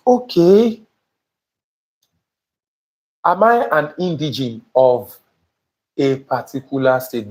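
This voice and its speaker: Emphatic young Nigerian tutor, fairly high voice. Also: male voice, a little mellow. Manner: emphatic, repeatedly checks in with viewers. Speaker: admissions tutor. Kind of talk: live-streamed teaching talk. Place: indoor studio before a printed banner. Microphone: small lapel mic.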